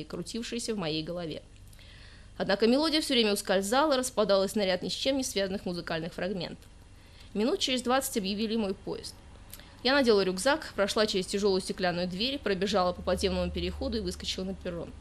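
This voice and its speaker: A woman narrating a first-person audiobook story in a calm, even, wry manner. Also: medium pitch.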